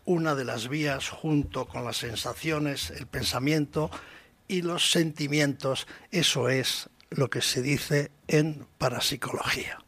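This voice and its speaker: A man from presenting a radio section on the paranormal and telling a story in a measured, explanatory way into a studio microphone. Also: mid-range voice, a bit bright, breathy edge, no echo.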